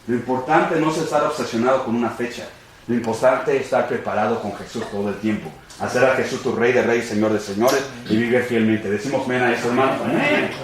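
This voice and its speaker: In an echoey church sanctuary, a man with a mid-range voice speaks briskly as the pastor teaching a Bible class in sermon style. He repeats himself emphatically and addresses everyone as brothers and friends.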